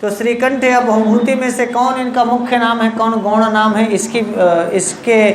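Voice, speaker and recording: A woman giving an unhurried, explanatory lecture as a literature teacher, repeating key terms and asking rhetorical questions. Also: on the high side, fairly even intonation, a little hiss or hum. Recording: echoey room with faint ambience.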